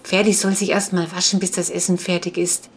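A woman reading the part of a friendly brother who eagerly explains things and gets excited. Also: fairly low pitch, a little fast, slight background noise, close to an everyday voice. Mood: eager explaining.

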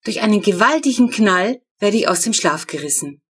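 A woman reading her own children's book aloud in lively storyteller narration. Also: mid-range voice, normal speed, slightly rough. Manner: lively storytelling, voicing the characters.

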